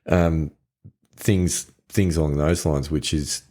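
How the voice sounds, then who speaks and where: A man with an extremely deep voice chats on a podcast. He rambles through examples and asks his co-host leading questions. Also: fairly even intonation, slow, mellow. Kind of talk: casual podcast conversation.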